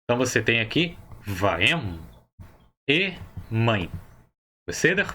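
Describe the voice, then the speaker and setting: A man's voice: medium pitch, sing-song, takes it slowly, sharp tone, a little hiss or hum. Patient Brazilian man teaching grammar. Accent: Brazilian Portuguese. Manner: patient, explains step by step, asks "tá?" and "ok?" to check understanding. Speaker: Hebrew teacher. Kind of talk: recorded grammar lesson.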